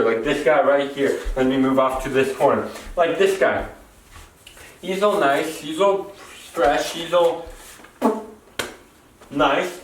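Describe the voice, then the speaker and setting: Man rambling in an echoey warehouse. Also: fairly high pitch. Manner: rambling, repeats phrases, self-correcting. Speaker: presenter. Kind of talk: improvised explainer skit. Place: large echoing warehouse. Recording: echoey warehouse, distant mic, faint noise.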